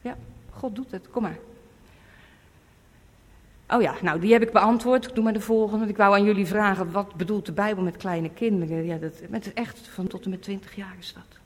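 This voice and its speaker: A woman's voice: medium pitch, normal speed. Emphatic woman preaching in echoey hall. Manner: emphatic, repeats warnings. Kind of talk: sermon.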